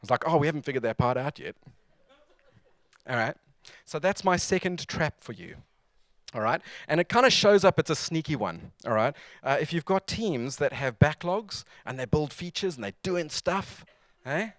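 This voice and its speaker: A man's voice: a little high, animated, normal speed, fairly bright tone, no room sound. A man giving a chatty, jokey conference talk who keeps asking the audience to respond. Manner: chatty, asks audience for nods, jokey asides. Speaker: conference speaker. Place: conference venue.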